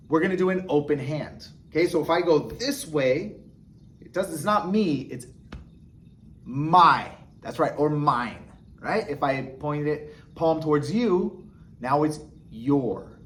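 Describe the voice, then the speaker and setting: There's slight background noise as a man with a slightly high, somewhat bright, animated voice slowly walks the viewer through a beginner sign language lesson. He is casual and encouraging, chatting and frequently checking in with "okay?" and "right?"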